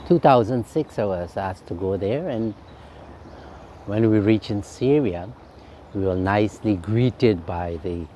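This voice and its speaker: A man, a swami, gives an unhurried, reflective spiritual talk outdoors by a fountain in the morning, pausing with frequent ums. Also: low-pitched, mellow, slight background noise.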